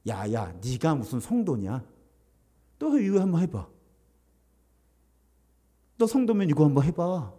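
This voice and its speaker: A man's voice: fairly high pitch, big pitch swings, unhurried, pauses often, dark tone. A man voicing a scornful male Satan, taunting in a mocking, sneering way.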